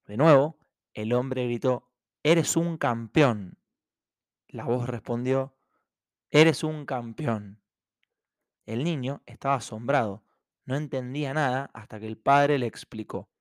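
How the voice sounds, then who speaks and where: A man hosting a self-help podcast, telling a parable and then speaking calmly and directly to the listener. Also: medium pitch, no echo, clean studio sound. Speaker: podcast host. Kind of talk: reflective self-help narration.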